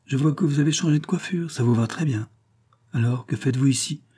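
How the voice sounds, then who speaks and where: A man's voice: mid-range voice, a little fast, mellow, breathy edge, voice pushed up, lightly acted. A man reading a tough police commissioner in an audiobook, speaking in a cutting, commanding tone. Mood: curt.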